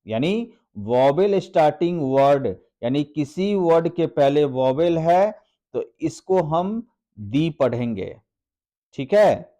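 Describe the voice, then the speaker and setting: A man gives an English grammar lesson at an unhurried, very slow pace. His voice is dark and mellow and sits a little high. He asks a question and then answers it himself, stretching out each example word. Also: expressive. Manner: spells out example words slowly. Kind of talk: classroom-style video lesson.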